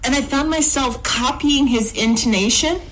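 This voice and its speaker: A woman from California hosting her podcast, talking casually with lively, laughing asides. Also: high voice, moderate pace, rough recording. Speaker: podcast host.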